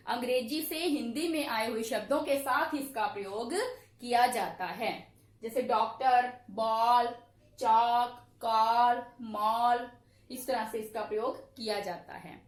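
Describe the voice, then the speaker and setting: A woman teaching a grammar lesson, asking questions and answering them herself and repeating examples slowly. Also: fairly high pitch. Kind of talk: classroom-style lesson. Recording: echoey room.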